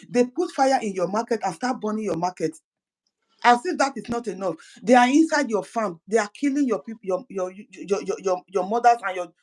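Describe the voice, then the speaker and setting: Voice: medium pitch, darkish tone, low-quality recording. A speaker gives an impassioned political address as an activist, fervent and full of repeated words and restarted phrases.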